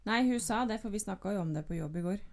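A woman in casual chat, calmly reassuring a friend and explaining what happened. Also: mid-range voice, gravelly, slight background noise. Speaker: listener in conversation.

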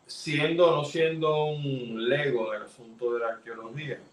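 A man's voice: mid-range voice, fairly even intonation, normal speed. Male host, Puerto Rican accent, emphatic, colloquial, roomy distant sound. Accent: Puerto Rican Spanish. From Puerto Rico. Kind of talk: conversational interview. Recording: roomy, distant mic with faint noise.

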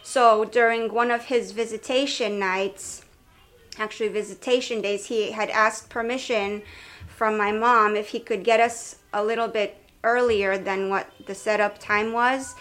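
A woman's voice: medium pitch, steady tone, unhurried, fairly bright tone. A young woman from Romania, a podcast guest sharing her life story in a casual, conversational way, with many fillers and self-corrections. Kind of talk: casual personal testimony.

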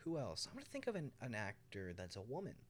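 A man's voice: medium pitch, huge pitch swings, fast talker, a little hiss or hum. A man co-hosting a casual podcast chat, blunt and joking, who swears freely.

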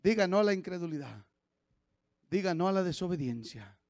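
A man preaching a fiery sermon as pastor, dropping to low murmurs and rising to shouted exhortation, often calling out "hermano". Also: lively intonation, a little fast, no echo, clean studio sound. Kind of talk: fiery Pentecostal-style sermon.

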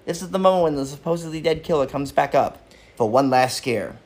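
Animated guy cohosting a podcast, kinda high voice, cusses a lot. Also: fairly quick. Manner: animated, swears freely. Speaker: podcast co-host. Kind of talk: casual film recap chat.

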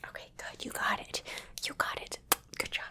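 A woman whispering a playful ASMR role-play, coaxing the listener with gentle repeated instructions. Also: normal speed. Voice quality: soft whisper. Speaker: ASMR creator.

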